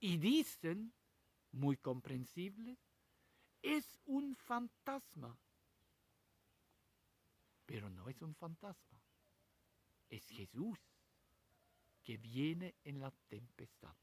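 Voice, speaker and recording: A man preaching a sermon as a pastor, retelling a story in short, measured phrases with rhetorical questions. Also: medium pitch, big pitch swings, a little mellow, husky, no echo. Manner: speaks in short, measured phrases with frequent pauses.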